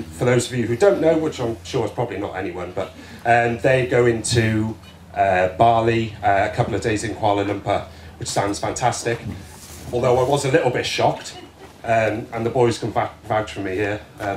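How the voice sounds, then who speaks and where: A man's voice: medium pitch, a little hiss or hum. A British man giving a jokey, playful best man's wedding toast speech to an audience. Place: wedding reception in a marquee, audience behind. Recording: echoey live room, loud crowd and music.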